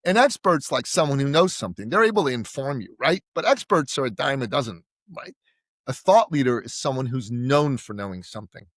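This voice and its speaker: A man's voice: mid-range voice, lively intonation, fairly quick, no room sound, clean studio sound. A middle-aged man from Iran, a podcast guest, telling his family's story in an emphatic, orator-like way. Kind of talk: impassioned storytelling.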